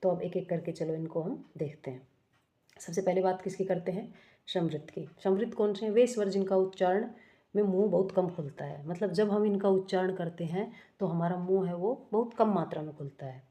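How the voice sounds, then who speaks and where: A woman's voice: fairly low pitch, normal speed, warm tone. A woman teaching an exam-prep grammar lesson, explaining step by step, asking questions and answering them herself, and correcting herself often.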